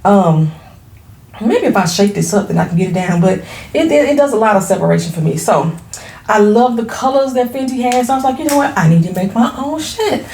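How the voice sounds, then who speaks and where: A woman's voice: medium pitch, expressive, fairly quick, darkish tone, reverberant. A woman in her forties, a small business owner, chatting frankly to camera at home, laughing easily and using casual slang. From Florida. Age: 40s. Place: her home, products on shelves behind.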